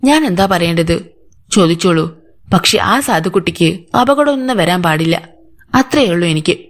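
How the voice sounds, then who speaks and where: A woman's voice: on the low side, expressive, moderate pace, natural voice. A woman voicing an older housemaid who gives anxious, defensive answers to police. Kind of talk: audiobook character voice.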